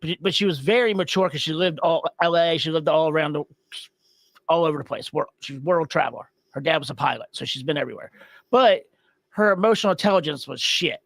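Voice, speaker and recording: A man's voice: fairly high pitch, a bit bright, dry recording. A man co-hosting a casual talk show, bluntly joking in crude banter. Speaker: podcast co-host. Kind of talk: casual chat.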